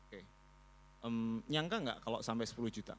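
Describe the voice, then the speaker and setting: Fast-talking Indonesian moderator, a man. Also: mid-range voice, slight background noise. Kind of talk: interviewing a guest on stage.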